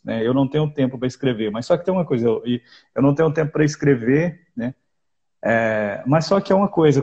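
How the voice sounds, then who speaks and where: A man's voice: medium pitch, mellow, lo-fi sound. A Brazilian man hosting a podcast, talking emphatically and often repeating words as he gives a motivational pep talk. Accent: Brazilian Portuguese. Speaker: podcast host. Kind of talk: casual interview chat.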